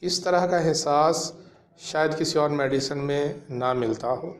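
Man in his thirties, slightly high voice, measured explainer, echoey small room. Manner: explanatory, measured, with frequent fillers. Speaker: homeopathic practitioner. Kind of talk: educational talk to camera.

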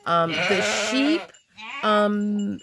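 A woman in her thirties filming herself on a phone at an outdoor farm pen, talking in a relaxed, unhurried way with many ums and restarts while goats and sheep bleat around her. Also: medium pitch, gravelly, loud music behind the voice. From Panama. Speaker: farm vlogger. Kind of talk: casual vlog walkthrough. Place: outdoor farm, open-sided animal pen. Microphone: phone held at arm's length. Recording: loud bleating animals and outdoor noise. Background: goats and sheep bleating loudly.

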